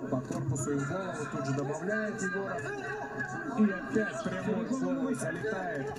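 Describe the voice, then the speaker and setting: A man commentates live on boxing in a somewhat high voice. He mixes short calls with analytical asides, sounding distant and echoey amid a very loud crowd. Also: sing-song, moderate pace. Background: loud arena crowd.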